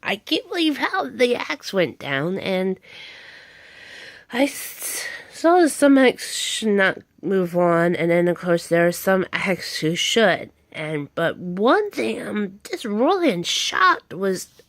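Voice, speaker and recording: A woman's voice: mid-range voice, very animated, slow, no room sound. A young woman chatting casually to her viewers, recorded as a phone video, rambling with many ums and stunned exclamations. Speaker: vlogger. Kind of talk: casual vlog chat.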